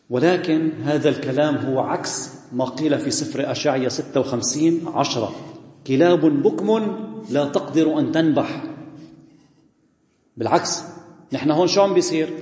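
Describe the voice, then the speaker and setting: Casting: Lebanese male priest, quick animated sermon, somewhat high voice, echoey hall. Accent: Lebanese Arabic. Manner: animated preaching, rhetorical questions, quoting scripture.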